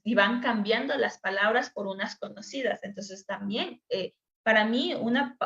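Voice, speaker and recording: A woman's voice: fairly high pitch, fairly bright tone. Woman teacher in an echoey room. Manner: explains patiently, addresses the group directly. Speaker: teacher running a dyslexia workshop. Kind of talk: online workshop explanation. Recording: echoey room, dull lo-fi sound.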